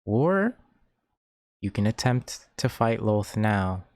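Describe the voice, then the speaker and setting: A man's voice: fairly low pitch, big pitch swings, takes it slowly, darkish tone, no echo, clean studio sound. A man narrating a tabletop game as game master, setting out scenes and choices for the players.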